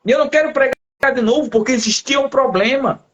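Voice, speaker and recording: A man with a notably high voice tells stories in the way a preacher does. He slips into the voices of the people he meets and then drops back into his own narration. The sound is dull and lo-fi, like audio from a live stream. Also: a little fast. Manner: lively storyteller who acts out quoted voices. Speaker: pastor. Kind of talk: testimony storytelling in a live conversation.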